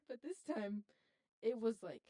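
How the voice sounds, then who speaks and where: Lively, giggly young woman storyteller. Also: on the high side, slow pace. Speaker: student podcast co-host. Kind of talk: casual chat, storytelling.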